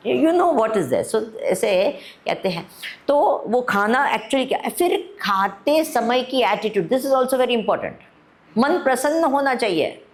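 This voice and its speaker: Woman swami teaching at a camp, talks real slow, keeps asking the crowd stuff. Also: on the high side. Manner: unhurried, asks the audience questions, mixes Hindi and English. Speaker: spiritual teacher. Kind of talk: discourse to a camp audience. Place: spiritual camp hall.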